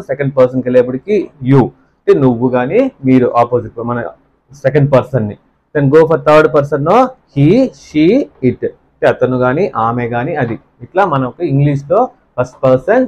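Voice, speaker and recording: A man with a Telugu accent teaching English grammar. He reads English definitions slowly and deliberately, then explains quickly and asks the class questions. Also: mid-range voice, a little mellow, lo-fi sound. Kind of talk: classroom-style grammar lesson.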